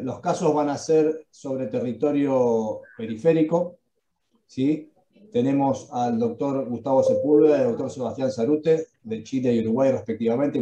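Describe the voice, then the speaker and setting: A man's voice: mid-range voice, warm tone. Man moderating a webinar panel. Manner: friendly, introducing speakers. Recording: echoey, dull video call audio.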